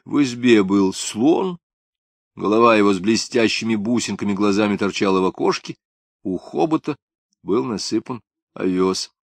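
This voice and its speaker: A man with a low voice narrates a literary novel. His reading is calm and measured. The recording is close and dry, with no room sound. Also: dry recording. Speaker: audiobook narrator.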